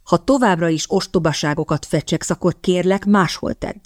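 A wry young gentleman, read by a woman. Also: lowish voice, no room sound, clean studio sound, close to an everyday voice. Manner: wry, measured.

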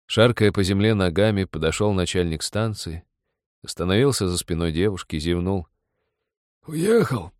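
Man, literary narration, low-pitched, dry close sound, measured storytelling. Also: a little mellow, smooth, no room sound. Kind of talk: literary audiobook reading.

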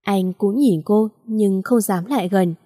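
A woman narrates a romance story in an even, measured scripted reading. Her voice is warm and mellow, recorded dry and close with no room echo. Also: medium pitch.

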